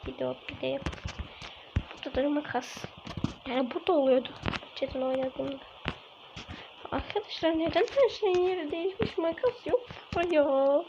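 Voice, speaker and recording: Speaking in a high voice at normal speed with frequent pauses, a woman hosts a gaming channel and casually narrates her playthrough, dropping to whispers during stealthy moments. The lo-fi audio has noticeable background noise.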